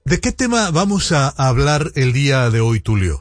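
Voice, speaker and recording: A man's voice: medium pitch, sing-song, normal speed, dry recording, studio quality. A man hosting a radio show, asking questions and giving short affirming replies. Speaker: radio host. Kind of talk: radio interview.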